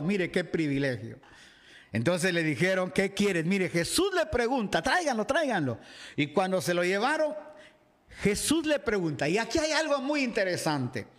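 A man from Ecuador, a pastor preaching in a livestreamed sermon who reads a Bible passage, acts out its crowd and greets viewers' comments by name. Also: high voice. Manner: animated, acts out the crowd and shouts in the story. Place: home, dressed casually for a live video.

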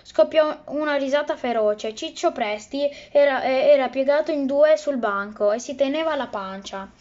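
A woman with a high voice reads a children's novel aloud, often stumbling and restarting words. The recording is muffled and lo-fi. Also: moderate pace, a little mellow. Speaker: reader.

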